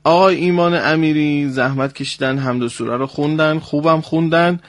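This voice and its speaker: A man hosting a radio program, calmly correcting a caller's recitation and demonstrating sounds. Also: a little high, no room sound. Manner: explains points slowly, demonstrates sounds. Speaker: radio host and Quran recitation teacher. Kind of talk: instructional radio talk.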